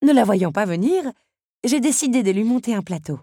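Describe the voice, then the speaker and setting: Anxious teapot housekeeper done by a woman, high and teary. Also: animated, brisk, mellow, no echo, clean studio sound. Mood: worried. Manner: high, tearful, fretting.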